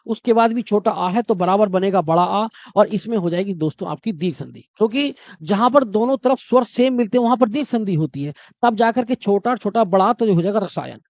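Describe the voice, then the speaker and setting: A man's voice: high-pitched, expressive, fairly quick, few pauses, a little mellow, dry recording, dull audio. A male teacher giving an exam-prep grammar lesson, repeating answers and quizzing the viewer with rhetorical questions.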